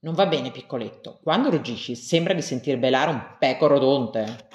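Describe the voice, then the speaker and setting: A woman's voice: a bass voice, moderate pace, darkish tone, roomy sound. A woman voicing a strict male dinosaur teacher in a storybook reading, with a scolding manner.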